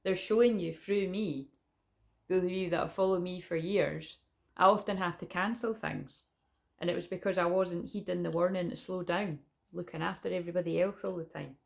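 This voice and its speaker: British woman, lowish creaky voice, candid spiritual vlog chat, informal, sweary. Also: fairly even intonation, normal speed. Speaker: psychic tarot reader and online host.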